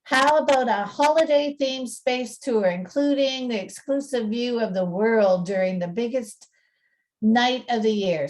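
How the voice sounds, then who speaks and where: This is a rough, distant recording of a woman with a high-leaning, slightly dark voice. She is a museum presenter and radio play narrator giving a casual talk with slides and dramatic reading, in a chatty, self-deprecating way.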